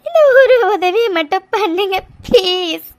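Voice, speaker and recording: A hurt young woman in a cartoon speaks in a very high, tear-choked voice. She pleads and repeats herself with rising distress. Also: unhurried. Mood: firm, tearful. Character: hurt young woman rejecting her birth mother. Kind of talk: cartoon voice acting.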